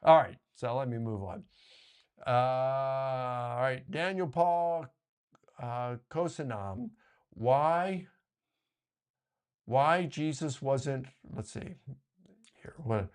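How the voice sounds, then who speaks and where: Animated man telling a story. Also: mid-range voice, clean tone. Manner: animated storyteller, quick asides. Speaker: guest author. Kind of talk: casual discussion.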